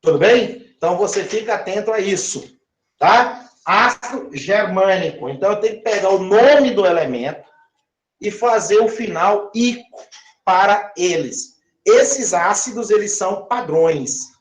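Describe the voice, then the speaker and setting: A man's voice: high voice, expressive, measured pace. A man teaching chemistry, drawing out words and often checking that his listeners follow. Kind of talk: recorded classroom lesson. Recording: echoey room.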